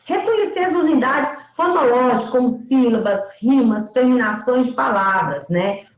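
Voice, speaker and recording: A high-voiced woman lecturer with a lively, swooping delivery teaches an online lesson. She speaks slowly and sounds words out syllable by syllable. The room is echoey. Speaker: pedagogy lecturer.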